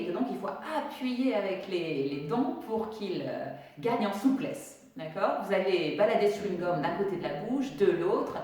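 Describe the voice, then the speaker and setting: A woman drama teacher leading an acting warm-up, giving clear step-by-step instructions and demonstrating diction drills. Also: mid-range voice, very echoey, recorded from a distance.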